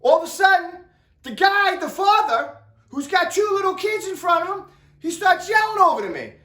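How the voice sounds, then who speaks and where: A man telling personal stories to viewers in an animated, exaggerated way, with sound effects. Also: extremely high pitch, moderate pace. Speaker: storyteller vlogger. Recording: roomy, distant mic.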